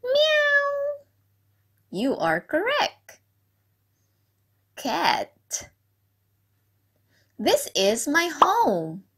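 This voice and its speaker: Very slow, lively woman teacher. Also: high-pitched, slightly rough. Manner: asks the class questions and repeats key words; praising, encouraging. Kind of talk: storytelling lesson for young children.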